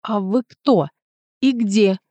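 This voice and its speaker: A flustered young woman stranded in a strange world answers in bewildered bursts, as the female narrator gives her a slightly raised voice. The tone stays mellow and the sound is dry and close. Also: mid-range voice, slow, dry recording, muffled recording, close to an everyday voice. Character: frightened young woman lost in another world. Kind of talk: audiobook character voice.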